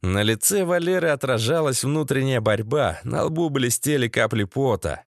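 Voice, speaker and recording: Male narrator, animated delivery, slangy first-person audiobook. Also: mid-range voice, moderate pace, no echo, clean studio sound.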